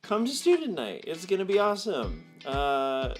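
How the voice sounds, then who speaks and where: A man's voice: high voice, huge pitch swings, normal speed, soft background music. A young man co-hosting a student ministry video in casual chat, reading a story aloud and then teaching. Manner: upbeat, reads a choose-your-path story aloud.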